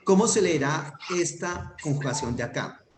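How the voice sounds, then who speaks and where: A man with a fairly high voice teaches step by step, patient and methodical, often pausing to check that his student is following. The sound is echoey, with a faint hiss behind it. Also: lively intonation. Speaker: Hebrew teacher. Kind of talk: online grammar lesson. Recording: echoey room with faint noise.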